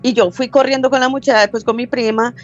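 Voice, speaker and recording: A woman's voice: a little high, steady tone, fast talker. Brief: older woman, Medellín Colombian accent, rambling storyteller, dull lo-fi line with faint music. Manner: rambling, self-correcting, acts out quoted dialogue. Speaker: caller sharing a story. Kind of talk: casual storytelling.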